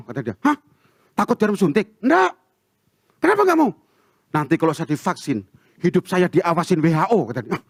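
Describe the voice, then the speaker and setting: Male pastor with an Indonesian accent, high and very lively voice, dry close sound, acts out the dialogue. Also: no echo. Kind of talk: sermon storytelling. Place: church.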